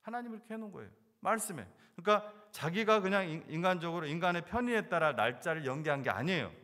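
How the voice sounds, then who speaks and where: A man's voice: high voice, animated, quick pace, bright, forceful tone, in a large hall. A male pastor preaching a sermon, asking the congregation questions and repeating key words for emphasis. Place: church sanctuary.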